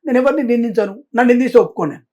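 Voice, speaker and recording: Rapid, high-voiced, insistent man. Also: animated, mellow, muffled recording. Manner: emphatic, insistent, repeats "I" for stress, mixes in English. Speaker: Vedic astrologer guest. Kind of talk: interview answers.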